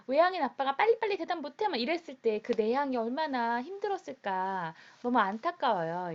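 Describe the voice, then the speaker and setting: Lively-voiced woman giving a lecture. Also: on the high side. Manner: explanatory, addresses students directly. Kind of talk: classroom lecture. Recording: dull lo-fi recording.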